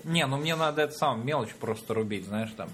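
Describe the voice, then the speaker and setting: A man's voice: medium pitch, a little fast, a bit bright, a little hiss or hum. A man in a casual chat, joking and laughing between words.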